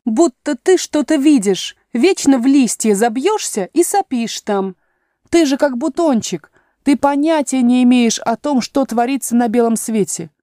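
A woman's voice: high-pitched, lively intonation, a little slow, warm tone, dry recording, studio quality, pitched above the performer's own voice. Woman doing a haughty tiger lily. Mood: angry. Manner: imperious, scolding. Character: haughty, hot-tempered talking tiger lily flower. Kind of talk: storybook reading.

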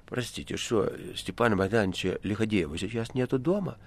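A man voicing a flustered, easily angered male theatre administrator who shouts indignantly. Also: lowish voice, fairly quick, no room sound. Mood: agitated.

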